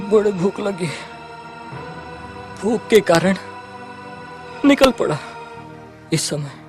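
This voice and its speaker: Beaten, starving outcast, played by a man: tearful and fearful, slow halting pleas, voice pitched high. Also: heavily acted. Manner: broken, halting and pleading speech. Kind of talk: dramatic movie acting.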